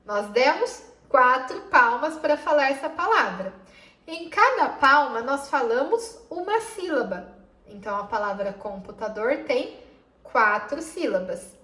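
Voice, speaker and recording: A Brazilian woman teaching children in a patient, affectionate way, slowing down to sound out words. Her voice sits high and bright. The room around her rings with echo. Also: lively intonation. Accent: Brazilian Portuguese. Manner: patient, explains slowly, spells out words; affectionate toward pupils. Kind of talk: school lesson for children.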